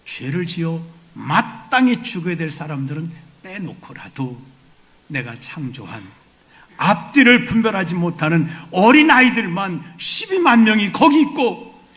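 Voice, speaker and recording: A man voicing God as he gently reproves a sulking prophet, with questioning and pleading speech. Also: high-pitched, very animated, measured pace, voice pushed up, full character voice. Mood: reproving, pleading.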